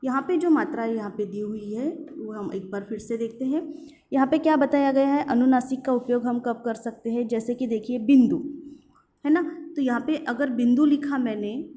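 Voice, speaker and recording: Woman teaching grammar, mellow voice. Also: fairly high pitch. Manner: explains slowly, repeats examples, asks rhetorical questions; mixes English words into Hindi. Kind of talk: online grammar lesson.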